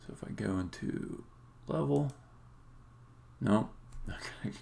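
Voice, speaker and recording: With a lowish, gravelly, dark voice and a slightly slow pace, a man offers hesitant, think-aloud commentary while live-coding his game on stream. Keyboard typing, mouse clicks and faint noise sit in the background.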